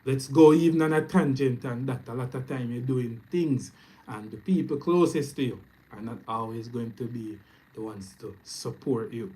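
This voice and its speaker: A man from Jamaica with a Jamaican accent, chatting loosely on his first live stream and giving upbeat shout-outs to viewers. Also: mid-range voice, normal speed, low-quality recording. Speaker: YouTube trading streamer. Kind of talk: casual live stream chat. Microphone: camera mic, speaking to camera.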